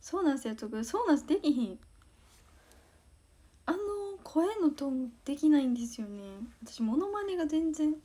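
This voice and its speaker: A woman's voice: sits high, animated, normal speed, warm tone. A teenage girl from Osaka with a Kansai accent, bashful and giggly, chatting casually on a livestream as she reads fan comments and thanks fans. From Osaka, Japan. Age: teens. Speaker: idol livestream host.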